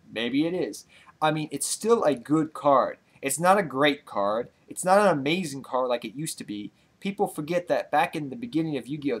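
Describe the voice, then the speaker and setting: A young man hosting a card-game channel, out of breath and talking in a rambling, excitable way that repeats itself. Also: a little high, slightly rough. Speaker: channel host. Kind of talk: casual card-game vlog.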